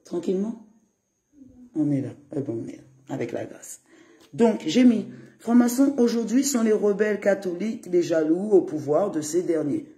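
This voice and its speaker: Man, high mellow voice, loose chatty live-stream rambling in an echoey room. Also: expressive, normal speed. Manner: rambling, chatty, laughs often, greets viewers. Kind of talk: casual live-stream monologue. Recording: roomy echo.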